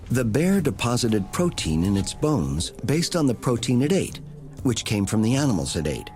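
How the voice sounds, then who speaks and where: A male narrator delivers scripted nature documentary storytelling in a dramatic way. His intonation swings expressively, and music plays clearly beneath his voice. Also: medium pitch, a little mellow. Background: music under the voice.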